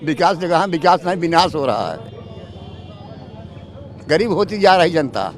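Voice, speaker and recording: A man's voice: fairly high pitch, expressive, unhurried. An older man at a roadside speaking bluntly and dismissively, like a preacher, in a street interview. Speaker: villager interviewed by reporter. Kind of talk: street vox pop. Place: roadside outdoors.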